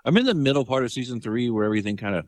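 A man on a podcast chatting in a relaxed way, offering bits of trivia. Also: medium pitch, very fast, no echo, clean studio sound. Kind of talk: casual chat.

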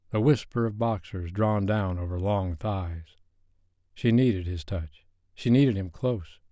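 A male audiobook narrator reads with a low, steady voice. His delivery is measured and even, and the recording is dry and close. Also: dry recording. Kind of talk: scripted narration.

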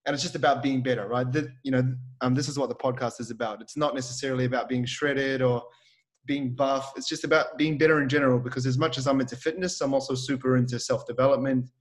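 A man in a casual podcast chat, voice sitting at an ordinary middle pitch. He talks loosely and rambles, leaning on fillers as he goes. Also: fast talker. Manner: relaxed, rambling, heavy on fillers like "like" and "you know". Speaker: podcast host and fitness coach.

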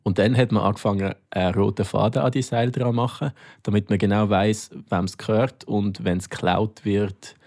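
A man's voice: on the low side, steady tone, normal speed, vocal fry, hardly any pauses, a little mellow. A man with a Swiss German accent co-hosting a podcast, joking around in casual chat with frequent fillers. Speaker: podcast co-host.

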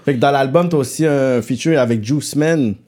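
A man's voice: medium pitch, normal speed, mellow. A young man with a Québécois French accent hosting a casual podcast chat, talking animatedly and mixing in English slang. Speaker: podcast host interviewing a rapper.

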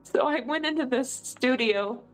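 Earnest, emotional woman with a high voice. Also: a little slow, low-quality recording. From California. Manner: emotional, earnest, animated storyteller. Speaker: political candidate, guest. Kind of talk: personal testimony in interview.

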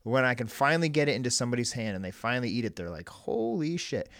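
A man's voice: medium pitch, expressive, racing, a bit bright, no echo, studio quality. A man co-hosting a podcast, talking in a loose, rambling way with lots of fillers and restarts. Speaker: podcast co-host. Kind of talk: casual chat.

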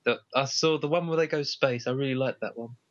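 A man's voice: medium pitch, brisk, muffled recording. A man co-hosting a casual comedy chat about films, rambling and correcting himself as he goes. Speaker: co-host.

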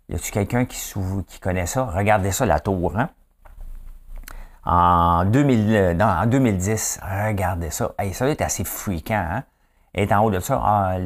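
A man in his fifties with a Quebec French accent, hosting in a chatty, joking way and asking his audience questions. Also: sits low. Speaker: host. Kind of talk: casual chat presenting trivia.

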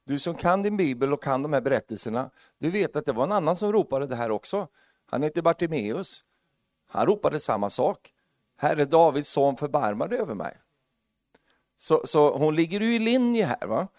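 A man preaching a lively sermon, joking with the congregation and building to loud, emphatic preaching. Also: on the high side, no echo, studio quality.

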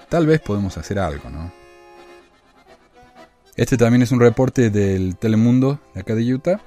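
A man with a low, dark voice comments on the news in a casual, chatty way. His tone rises and falls a lot as he makes wry asides and rhetorical questions. Faint music plays behind him. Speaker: podcast host.

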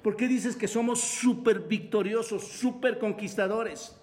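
A man's voice: sits high, fairly even intonation, a little slow, a little mellow. A male pastor with a Mexican Spanish accent preaching a sermon, often asking the congregation questions for them to answer. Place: church hall. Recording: echoey church hall with long reverb.

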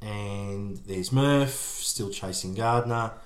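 A man's voice: on the low side, takes it slowly. An Australian man hosting a casual motor racing watch-along, giving dry, wry mock commentary among friends. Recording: echoey room.

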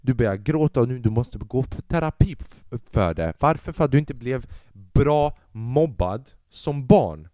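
A young man holds forth on his own comedy podcast in a middle-range voice. He rattles off stories in lively bursts, drops into impressions of others and swears freely. The sound is close and dry, with no room around it. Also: mid-range voice, hardly any pauses, dry recording. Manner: animated storytelling, acts out his father and others in loud bursts, swears freely. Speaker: podcast host. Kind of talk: solo comedic podcast monologue.

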